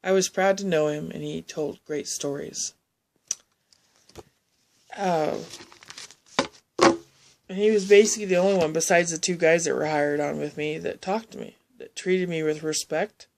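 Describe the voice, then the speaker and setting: Gravelly woman telling a rambling story. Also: sits low, steady tone, a little hiss or hum. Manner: halting, rambling, frequent restarts. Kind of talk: personal storytelling.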